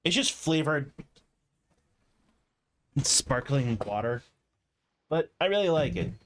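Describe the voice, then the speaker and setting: A man's voice: a little high, expressive, takes it slowly, slight background noise. A man giving casual gameplay commentary as a streamer, sometimes reading choices aloud. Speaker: game streamer. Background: game music.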